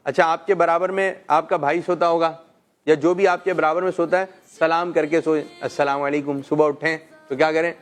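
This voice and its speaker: A middle-aged man hosting a children's call-in show, gently quizzing kids and praising them often. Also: on the high side, fairly even intonation. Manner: gentle, coaxing questions, frequent "mashallah".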